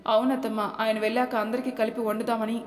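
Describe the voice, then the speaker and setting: A woman voicing a meek, dutiful young wife who speaks softly and politely. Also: fairly high pitch, little pitch movement, fast, a little hiss or hum, close to an everyday voice. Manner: soft and polite. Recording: echoey room with long reverb.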